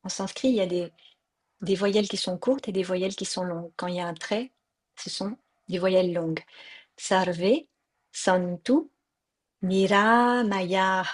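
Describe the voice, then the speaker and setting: Female teacher with a slightly low voice, patient and explanatory, on a video call mic. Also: steady tone, a little mellow, slightly rough. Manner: patient, explains pronunciation slowly, many fillers. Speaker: mantra and yoga teacher. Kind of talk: online workshop teaching.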